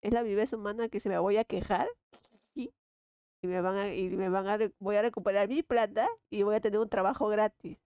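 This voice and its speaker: A woman with a Peruvian accent chatting casually while she draws, lively and slangy, laughing often. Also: mid-range voice, brisk, smooth, dry recording, lo-fi sound. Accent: Peruvian Spanish. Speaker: illustrator vlogger. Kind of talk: casual chat while drawing.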